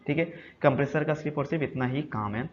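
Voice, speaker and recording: A man teaching a technical lesson from slides, explaining slowly and repeating key points, switching between Hindi and English terms. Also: a little high. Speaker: HVAC instructor. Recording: dull lo-fi sound with faint noise.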